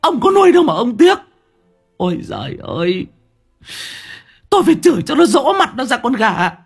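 A man voicing a shrill village wife who rains rhythmic, relentless curses on a chicken thief in an audiobook. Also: big pitch swings, moderate pace, gravelly, breathy edge, faint music behind, exaggerated voice. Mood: cursing. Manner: rhythmic, relentless folk cursing. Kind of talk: audiobook character voice.

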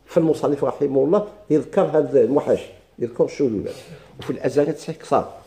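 A man's voice: mid-range voice, rapid-fire, mellow. A man with a Moroccan Arabic accent teaching a grammar lesson to a class, quizzing students and repeating his questions.

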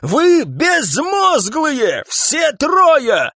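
A man voicing an irascible old police captain near retirement, yelling hoarsely in a storybook reading. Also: high-pitched, sing-song, moderate pace, no echo, clean studio sound, pitched above the performer's own voice, full character voice.

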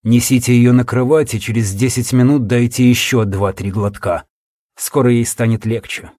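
A man voicing a tired, grave older healer who speaks slowly and calmly. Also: no echo, studio quality, natural voice. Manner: slow, low, tired murmur. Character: weary older male healer, calm and grave.

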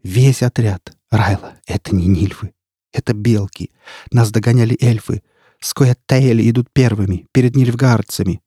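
A man's voice: fairly low pitch, steady tone, normal speed, mellow, dry recording, clean studio sound. A man voicing a frantic, wounded mercenary. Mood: panicked. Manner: hoarse, frantic.

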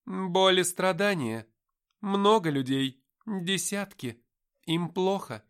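A man's voice: high voice, expressive, takes it slowly, a bit bright, smooth, voice pushed up, full character voice. A man reading an audiobook voices a haughty, world-weary female angel who speaks in a commanding, solemn way. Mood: entranced.

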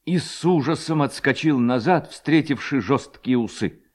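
A man's voice: mid-range voice, unhurried. A man reading a classic story aloud as narrator in a theatrical, dramatic manner.

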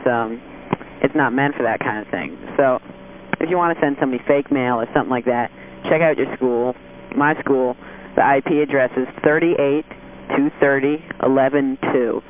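A man leaving a casual, rambling message from a payphone, full of ums and uhs. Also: mid-range voice. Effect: payphone call. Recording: tinny noisy payphone line.

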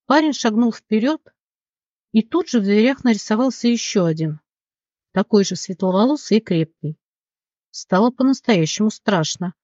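A narrator reading a fantasy novel aloud, steady and dramatic, in a mid-pitched voice. The recording is close and dry, with a slightly dull, muffled top end. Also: normal speed, no room sound. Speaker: audiobook narrator.

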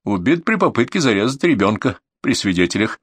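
A man's voice: on the low side, sing-song, brisk, slightly rough, dry recording. A man playing a curt, stern investigator. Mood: calm command. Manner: curt, commanding orders. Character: stern, composed male police investigator.

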